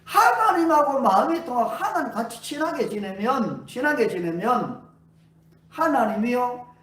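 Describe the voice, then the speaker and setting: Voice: mid-range voice, sing-song, moderate pace, fairly bright tone, distant mic. A pastor preaching a sermon at a healing revival, asking the congregation question after question. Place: church sanctuary. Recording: roomy church hall, voice away from mic.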